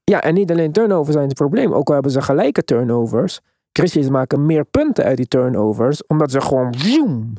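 A man's voice: a little high, big pitch swings, a little fast, dark tone, no room sound, clean studio sound. A man in a casual, emphatic sports discussion, mixing in English slang as he hosts. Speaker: podcast host.

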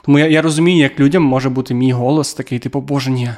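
A man's voice: mid-range voice, steady tone, very fast, darkish tone. A young man with a Ukrainian accent co-hosting a casual podcast chat, joking and self-deprecating. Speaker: podcast co-host.

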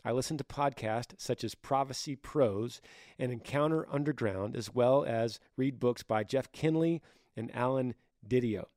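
Raspy, gravelly-voiced man, dry close sound. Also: medium pitch, moderate pace, a little mellow, no room sound. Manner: earnest, brotherly, careful hedging with restarts. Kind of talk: reading a listener's email and replying with informal advice.

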